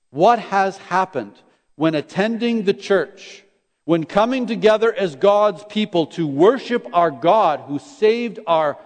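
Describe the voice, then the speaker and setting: A man preaching a sermon, repeating phrases for emphasis and sometimes restarting his words. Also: high voice. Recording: long hall reverb.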